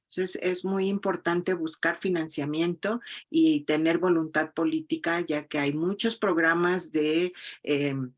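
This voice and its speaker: A woman, a physician speaking on a panel, hesitant with fillers. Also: deep voice. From Mexico. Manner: hesitant, many fillers and restarts. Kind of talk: panel discussion.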